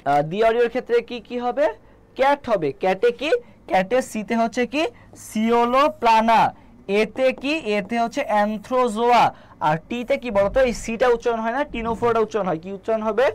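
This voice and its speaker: Bangladeshi bengali tutor on a live stream, keeps quizzing the class and answering back. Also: mid-range voice. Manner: quizzing, asks and answers own questions; reads viewer names from comments. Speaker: biology tutor. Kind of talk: live online class teaching.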